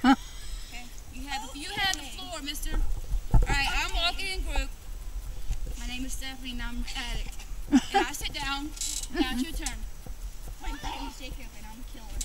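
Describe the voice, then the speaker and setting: A woman's voice: high voice, normal speed, long pauses, over a noisy crowd, rough recording. A woman joking around and bossing the kids at a backyard trampoline, heard through old camcorder audio. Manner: joking, teasing and bossy. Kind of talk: casual family home video. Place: backyard outdoors.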